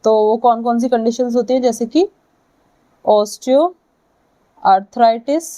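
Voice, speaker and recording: Lecturing students on physiotherapy, a woman with an Indian accent talks in brief, halting bits and keeps checking in with the class. Her voice is fairly high and warm in tone.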